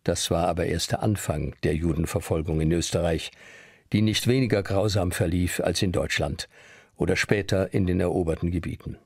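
A man's voice: deep voice, fairly even intonation, normal speed, vocal fry, darkish tone, slightly rough, no echo, studio quality. A man reading scripted historical documentary narration.

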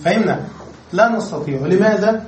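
A man gives a classroom grammar lecture, breaking each rule into steps and pausing to ask his students questions. His voice sits high. He is recorded from across an echoey room with faint ambient noise. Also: lively intonation, darkish tone, distant mic. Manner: explains step by step, asks the class questions. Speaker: Arabic grammar teacher.

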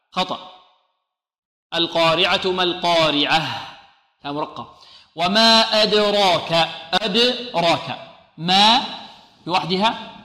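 A man's voice: fairly high pitch, pushed and bright. Man teaching recitation in an echoey room. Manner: asks questions and answers them himself, drills sounds slowly. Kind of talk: tajweed lesson with recited examples.

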